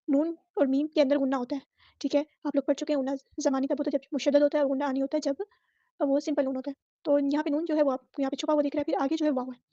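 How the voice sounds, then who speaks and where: A Tajweed teacher with a Pakistani Urdu accent breaks down each letter of a Quran verse before chanting it slowly. Her high, mellow voice stays fairly level, and the dry recording sounds a little dull.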